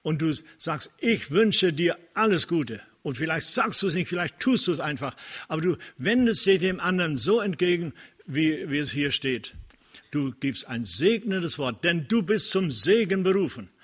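A man preaching a sermon in an earnest way, slowing down to stress key phrases. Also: fairly high pitch, lively intonation, husky. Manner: earnest, preaching with Bible quotes, occasional restarts and hesitations; slows down and gets louder to stress key phrases.

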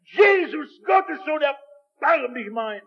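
A blind beggar man shouts again and again, high-pitched and desperate, as a preacher puts him on. His cries are raw and pleading. The recording sounds dull and lo-fi. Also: animated, slow, exaggerated voice.

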